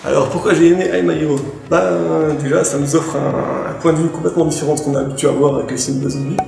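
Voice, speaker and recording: A fairly high-pitched man with a gravelly, creaky edge to his voice chats about comics in a casual, joking review. He speaks in an echoey room with faint music under him. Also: steady tone, fast, darkish tone. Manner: chatty and joking, with frequent restarts. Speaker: library manga reviewer. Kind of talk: casual book review to camera.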